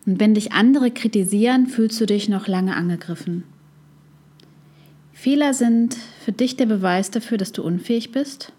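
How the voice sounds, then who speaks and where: Calm woman hosting a self-help podcast. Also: medium pitch, normal speed. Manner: calm, speaks directly to the listener. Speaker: podcast host and psychologist.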